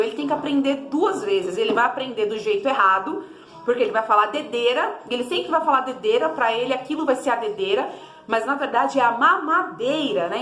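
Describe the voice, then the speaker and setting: A woman with a Brazilian Portuguese accent giving casual parenting advice to camera, chatty and repetitive, sometimes slipping into a high sing-song voice to show how to talk to a toddler. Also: fairly bright tone, roomy sound. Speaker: parenting vlogger.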